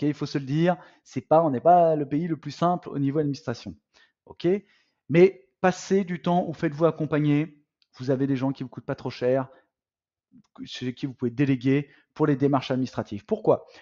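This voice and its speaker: A man's voice: a little high, highs cut off. A man coaching would-be entrepreneurs in a live online masterclass, talking to the audience as friends, with lots of fillers and restarts. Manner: animated, addresses audience as "les amis", many fillers. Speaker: business coach.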